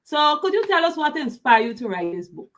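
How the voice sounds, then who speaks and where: A woman's voice: high-pitched, big pitch swings, a little fast, a bit bright. A woman hosting an interview, speaking effusively and often repeating her words. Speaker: interview host.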